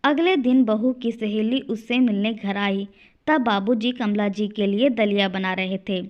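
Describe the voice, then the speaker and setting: A woman storyteller reads an emotional family story at a middling pitch. The recording sounds dull and lo-fi. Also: unhurried. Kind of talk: scripted story narration.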